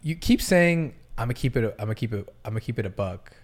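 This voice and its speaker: A podcast host from Massachusetts who chats casually, asking curious questions with a dry, joking edge. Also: male voice, mid-range voice, animated, quick pace. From Massachusetts, United States.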